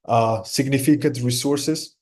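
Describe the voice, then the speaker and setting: A man's voice: mid-range voice, measured pace, darkish tone. A man from Austria with a German accent, a company executive speaking as a guest in a casual interview, often restarting and repeating words.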